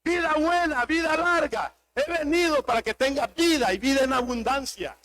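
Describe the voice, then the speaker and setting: A pastor preaching a sermon, driving points home with emphatic repetition. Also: male voice, very high-pitched, moderate pace, fairly bright tone, a little hiss or hum.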